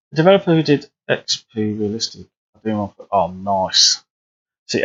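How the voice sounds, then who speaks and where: Husky man streaming a flight sim. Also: lowish voice, dull audio. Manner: chatty, rambling, many restarts. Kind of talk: live flight sim commentary.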